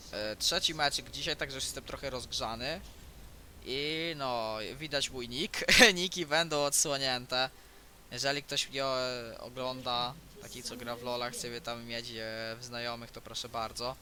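A man's voice: medium pitch, pushed and bright, a little hiss or hum. A teenage male gaming YouTuber with a cold, rambling through casual let's-play commentary and restarting his sentences. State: has a cold. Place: home, indoors.

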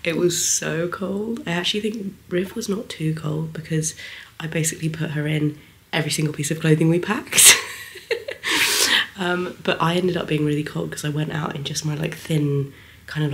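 A woman's voice: low voice, vocal fry, a little hiss or hum. A woman, chatting in a rambling vlog while half-whispering. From England. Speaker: vlogger. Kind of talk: casual vlog chat.

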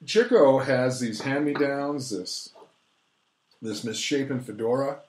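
A man's voice: mid-range voice, slow pace, darkish tone. A man, an author and guest, talks over his subject in a casual interview, lecturing with lots of restarts. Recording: roomy echo.

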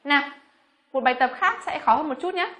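High-voiced Vietnamese woman teaching pronunciation. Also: fairly bright tone. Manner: slow, drawn-out model words between quicker explanations. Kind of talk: pronunciation lesson.

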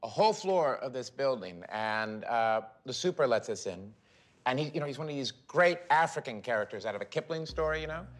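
A man's voice: medium pitch, animated, brisk. A man giving rambling, neurotic first-person comic narration in a mockumentary. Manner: neurotic, self-absorbed, rambling.

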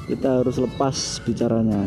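A young motovlogger with a steady, mid-range voice talks casually at a moderate pace while riding his motorbike through city traffic. He is hesitant, repeats himself, and calls the viewer "bro" a lot, with music in the background.

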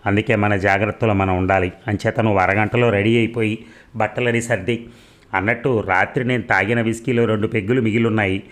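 Man reading young male lover on phone, hurried, intimate, slightly raised voice, storybook reading. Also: on the low side, steady tone, natural voice.

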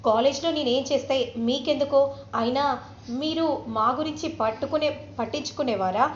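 A woman's voice: high-pitched, moderate pace, slight background noise, close to an everyday voice. Woman doing a mouthy young girl talking back, dull echoey sound. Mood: defiant. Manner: snappy, defiant. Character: defiant sharp-tongued young woman. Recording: roomy, slightly dull recording.

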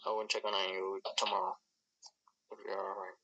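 A woman putting on a deep soft-spoken man. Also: little pitch movement, moderate pace, slightly rough, dull audio, heavily acted. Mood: calm. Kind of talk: Minecraft role-play.

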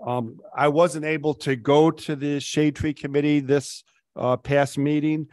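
A man's voice: a little high, little pitch movement, a little slow, a little mellow, no echo. Rambling middle-aged man, dry council mic. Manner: rambling, many ums, enthusiastic. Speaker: city councilor. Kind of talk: council meeting report. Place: city council chamber. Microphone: table microphone.

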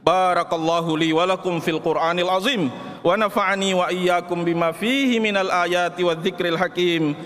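High-voiced man preaching in a reverberant mosque. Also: fairly even intonation, a bit bright. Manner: measured, emphatic delivery with Arabic recitation. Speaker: Friday preacher. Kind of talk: formal Friday sermon. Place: large mosque hall. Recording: long reverb of a big mosque hall.

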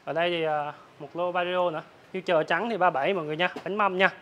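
Male, young, southern Vietnamese accent. Hard-sell price patter, extremely quick, repetitive and informal. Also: sits high, fairly even intonation, fairly bright tone, lo-fi sound. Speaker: motorbike salesman. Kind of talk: hard-sell sales pitch, listing prices. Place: large open-sided motorbike warehouse. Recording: clear ambient noise of open warehouse.

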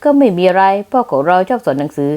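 Lady doing a cocky young boss guy, smug and teasing, voice dropped low. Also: very animated, fast talker, dark tone. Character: cocky scheming young male company boss.

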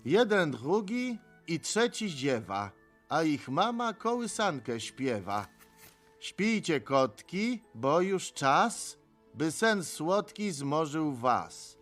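An actor dubbing a grumpy middle-aged male supervillain in an animated film, speaking in a gruff, exasperated, sarcastic way. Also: fairly high pitch, slow pace, faint music behind, heavily acted. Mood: reluctant reading. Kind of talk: animated film dub acting.

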